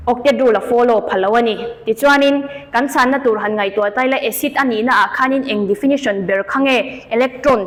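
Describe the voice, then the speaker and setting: A woman's voice: a little high, long reverb tail, rough recording. A woman teacher working through exam questions, listing and explaining each answer option in turn. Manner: explanatory, lists options one by one. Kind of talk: exam question walkthrough lesson.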